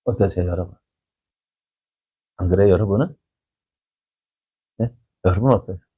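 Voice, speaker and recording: A man preaching a dawn prayer sermon as pastor, asking his congregation many rhetorical questions and acting out quoted voices in loud bursts. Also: low-pitched, normal speed, breathy edge, no echo, lo-fi sound.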